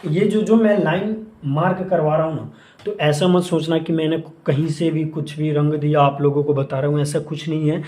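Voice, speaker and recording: In an echoey room, a young adult man delivers a casual exam-prep lesson, mixing English terms into his Hindi and repeating his instructions. His voice is fairly high-pitched and warm, with fairly even intonation and a moderate pace.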